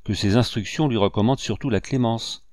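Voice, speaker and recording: A man's voice: on the low side, a little fast, a little mellow, no room sound, clean studio sound, lightly acted. A man voicing an earnest rebel officer who pleads with his commander. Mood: pleading.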